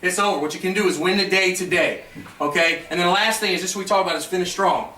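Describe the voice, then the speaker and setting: Male coach-style pep speech, fast and bright, exhorting with repeated phrases, recorded from a distance. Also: high-pitched. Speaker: guest motivational speaker addressing a school basketball team. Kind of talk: pre-game locker-room pep speech. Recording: distant mic, echoey room, faint noise.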